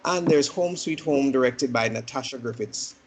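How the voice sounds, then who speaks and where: A man hosting an online meeting, listing films in a relaxed, hesitant way with lots of fillers. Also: mid-range voice, moderate pace, a little hiss or hum, low-quality recording. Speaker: meeting host. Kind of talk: casual meeting announcements.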